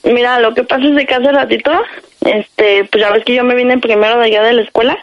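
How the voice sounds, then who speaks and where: A woman's voice: fairly high pitch, fairly even intonation, a little fast, muffled recording, a little hiss or hum. A Mexican woman making a prank call on a radio show, rambling urgently through a made-up family crisis. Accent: Mexican Spanish. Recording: radio broadcast with faint music.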